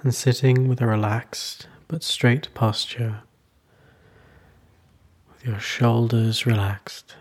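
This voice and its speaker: Leading a guided meditation, a male teacher speaks soothingly and without hurry, pausing at length between brief phrases. His medium-pitched voice holds a steady, somewhat dark tone.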